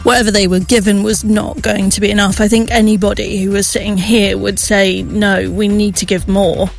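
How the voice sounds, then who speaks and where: A disguised, pitch-shifted voice of a parent in a news interview. The delivery is firm and strangely level, with almost no rise and fall. Soft music sits faintly behind it. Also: flat delivery, moderate pace, vocal fry. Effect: voice disguised, pitch-shifted to protect identity. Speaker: parent of a crime victim, interviewed.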